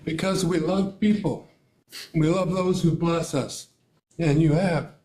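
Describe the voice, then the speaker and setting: An older man speaking at a school board meeting, emotional and tearful, rambling with many pauses and fillers. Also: fairly high pitch, fairly even intonation, darkish tone. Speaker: parent addressing school board. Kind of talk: public comment at a meeting. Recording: echoey meeting room.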